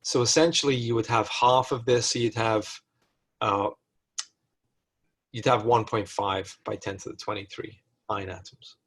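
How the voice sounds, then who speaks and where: A man's voice: on the low side, steady tone, moderate pace, fairly bright tone, breathy edge. A male lecturer working through chemistry problems step by step, thinking aloud and correcting himself mid-sentence. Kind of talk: recorded lecture walkthrough.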